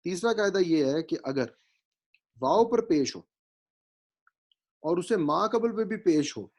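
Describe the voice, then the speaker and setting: Guy teaching grammar, keeps asking "got it?", spells stuff out slow, mellow tone. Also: high voice, animated. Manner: patient, explanatory, often checks understanding; mixes English words into his speech. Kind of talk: grammar lecture.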